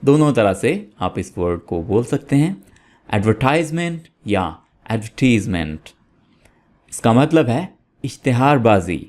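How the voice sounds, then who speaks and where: A man's voice: mid-range voice, big pitch swings, unhurried, a little mellow. A man teaching English vocabulary, saying each word twice and then giving its meaning in Urdu, whose first language is Urdu. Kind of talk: slow word-by-word vocabulary lesson.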